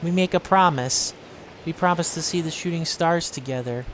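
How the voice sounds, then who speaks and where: A man voicing a gentle young woman heroine in his own voice, reading game dialogue in an earnest, soft way. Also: fairly high pitch, moderate pace, a little hiss or hum, close to an everyday voice, low-quality recording. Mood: wistful.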